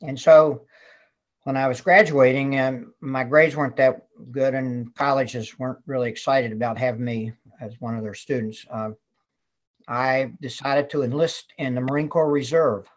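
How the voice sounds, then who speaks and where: A man over seventy from West Virginia, casually reminiscing as an interview guest in an unhurried storytelling way. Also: mid-range voice, fairly even intonation. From West Virginia, United States. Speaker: guest, retired Marine colonel.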